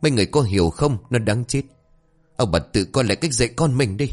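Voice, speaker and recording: A man's voice: medium pitch, animated, quick pace, faint music behind, pitched above the performer's own voice, natural voice. A man voicing an enraged, violent young husband with a raised, harsh delivery, in an audio story. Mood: bitter. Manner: shouting accusations, raised and harsh.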